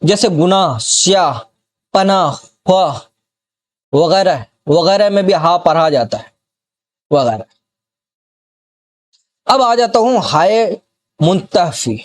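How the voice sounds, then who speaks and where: Slow-paced, high-voiced male grammar teacher. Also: animated. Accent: Bihar. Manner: slow, repeats example words and keeps checking the student follows. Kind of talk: classroom grammar lesson.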